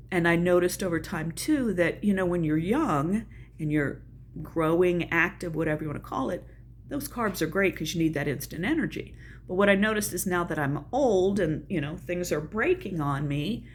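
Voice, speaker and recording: Speaking in a fairly low voice with a slight hiss or hum in the background, an older woman with a Southern accent hosts a casual personal vlog. She chats folksily about her life and makes self-deprecating asides.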